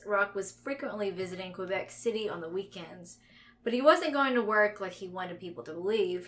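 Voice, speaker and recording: A woman's voice: medium pitch, pushed and bright, slight background noise. A woman co-hosting a casual true-crime podcast, narrating the story and bantering with a playful manner. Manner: playful, quick to laugh and banter. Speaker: podcast co-host.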